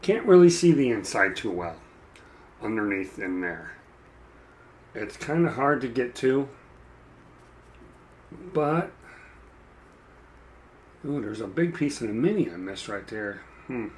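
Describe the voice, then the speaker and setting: A man chatting casually while he paints a miniature, rambling and self-deprecating, with a dry, froggy throat that he keeps clearing. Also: medium pitch, very animated, takes it slowly, long pauses, a little hiss or hum. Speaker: mini painting streamer.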